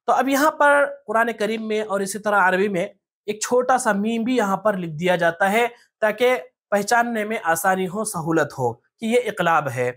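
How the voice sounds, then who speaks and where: A teacher giving a step-by-step lesson on reading the Quran. The teacher often asks rhetorical questions and spells out letter sounds slowly. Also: medium pitch, animated, a bit bright. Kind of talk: tajweed lesson.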